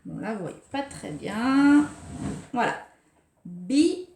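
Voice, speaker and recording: A woman preschool teacher giving a recorded lesson for young children, speaking slowly and articulating each syllable with care. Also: a little high, lively intonation, creaky, a little mellow. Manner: slow, carefully articulated, scanning syllables. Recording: roomy echo.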